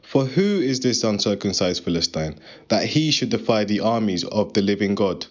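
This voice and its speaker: A man's voice: fairly low pitch, sing-song, moderate pace, lo-fi sound. A man playing a bold, indignant young shepherd in a Bible reading, asking challenging questions. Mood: indignant questioning.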